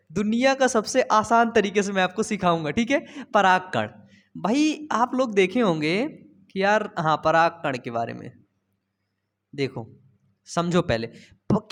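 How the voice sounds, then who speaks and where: A young man teaching a biology lesson in a chatty, coaxing way, repeating key terms and asking his students questions. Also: extremely high pitch. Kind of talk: Hindi classroom-style lesson.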